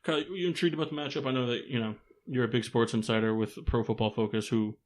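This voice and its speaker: A man hosts a loose sports chat with friends, needling them and laughing often. His voice sits in an ordinary middle range and his questions come quickly. The talk is relaxed and playful. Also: mid-range voice. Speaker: podcast host.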